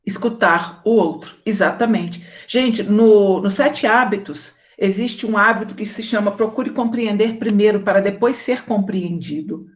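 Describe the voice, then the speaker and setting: A woman host with a Brazilian Portuguese accent, talking casually to her audience and telling stories with animated, acted-out dialogue. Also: mid-range voice, unhurried, few pauses. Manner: animated storytelling, acting out quoted dialogue; married woman recounting daily life.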